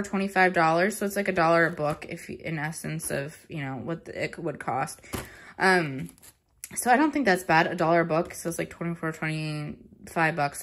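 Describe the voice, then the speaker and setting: A woman's voice: lowish voice, fairly bright tone, slight background noise. A young woman chatting casually through a grocery haul, rambling with many fillers, filmed at home on a phone. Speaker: vlogger. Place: home kitchen counter.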